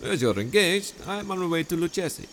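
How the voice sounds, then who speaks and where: A man voicing a crafty nobleman who flatters and feigns concern in a smooth, mock-solicitous way. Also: high voice, fast, a little hiss or hum, pitched above the performer's own voice. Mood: flattering.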